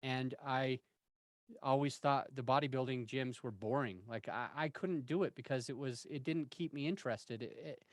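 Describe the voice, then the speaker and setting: A man's voice: medium pitch, moderate pace, dry recording. A man of forty-one telling candid, self-deprecating stories in a casual interview, rambling and restarting his sentences. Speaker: interview guest.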